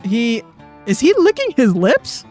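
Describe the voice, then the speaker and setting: A woman casually commenting while playing a visual novel, excitable, reading on-screen text aloud. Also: fairly high pitch, a little slow, soft background music.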